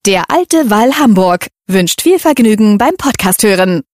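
A woman's voice: medium pitch, lively intonation, unhurried, background noise. A woman reading a scripted sponsor advertisement in a polished, upbeat promotional tone. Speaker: sponsor announcer.

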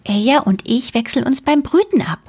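A woman voicing a small male penguin in a storybook, with a squeaky childlike voice and an urgent, pleading manner. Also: animated, moderate pace, darkish tone, breathy edge. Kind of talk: storybook reading.

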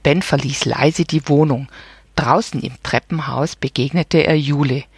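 Husky woman narrating a children's story. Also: deep voice, steady tone, unhurried, dry recording, clean studio sound. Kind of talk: audiobook reading of a children's story.

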